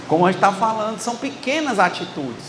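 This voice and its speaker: A man's voice: sits high, sing-song, fairly quick, background noise. A man in his thirties with a Ceará accent, preaching in a chatty way and acting out little dialogues with the congregation. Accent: Ceará, Brazil. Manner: conversational, acting out dialogue with the audience. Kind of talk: sermon. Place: church hall with live audience. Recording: echoey hall with faint ambience.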